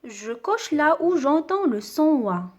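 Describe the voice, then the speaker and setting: A woman teacher giving a children's reading lesson, spelling out sounds slowly and deliberately. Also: sits high, very animated.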